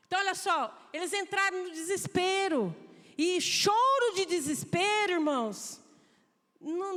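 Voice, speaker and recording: A woman preaching a sermon, talking to the congregation in a lively, conversational way and acting out quotes. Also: very high voice. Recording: long reverb of a church hall.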